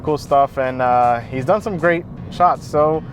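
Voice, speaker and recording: A man's voice: fairly high pitch, measured pace, faint music behind. A man hosting a casual car review outdoors, talking enthusiastically with many fillers and restarts.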